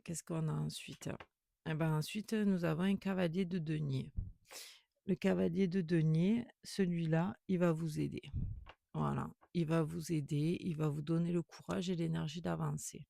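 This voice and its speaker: A man's voice: on the high side, steady tone, moderate pace, gravelly, dark tone, dry recording, studio quality. A man giving a tarot reading to a viewer, reassuring and repetitive, with many fillers and restarts. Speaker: tarot reader.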